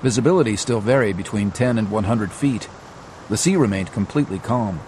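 A man narrating a scripted adventure audiobook in a measured, dramatic storytelling manner. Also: fairly low pitch, darkish tone, a little hiss or hum, poor audio.

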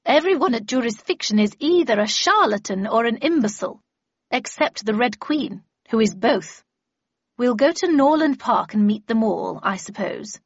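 A woman reader voicing an imperious, sharp-tongued older woman who speaks in clipped, scornful, commanding tones, on a dull lo-fi recording. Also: on the high side, animated, normal speed, no echo.

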